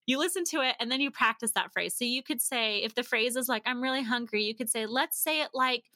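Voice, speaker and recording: A woman with a brisk voice on the high side, pushed and bright, talks as a guest on a podcast; she founded a language-learning company. Chatty and animated, she tells stories, explains, and performs bits of quoted dialogue, with no room sound.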